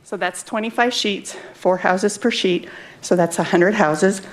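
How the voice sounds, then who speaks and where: A woman's voice: mid-range voice, unhurried. A woman speaking at a city council public comment, out of breath and drifting away from the mic as she demonstrates. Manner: moves around while talking, drifting off the mic.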